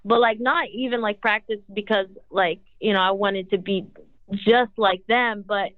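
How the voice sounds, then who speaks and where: A young Brazilian woman, a singer and guest whose first language is Portuguese, answers interview questions in a mid-range voice, speaking a little slowly. She rambles and leans heavily on "like" as a filler. The audio is tinny and phone-like, with no echo.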